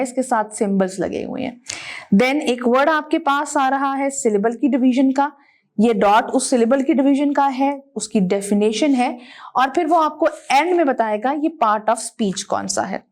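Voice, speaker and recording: A woman teacher giving a video lesson, explaining words and grammar and mixing English terms into her speech. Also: high-pitched.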